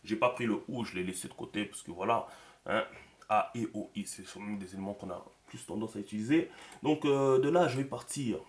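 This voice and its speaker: A man with a slightly low voice walks through a screen-recorded lesson. He talks half to himself as he draws, with frequent fillers and small restarts. His voice comes through a computer mic. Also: brisk. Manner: talks to himself while writing, many fillers. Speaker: teacher of a script.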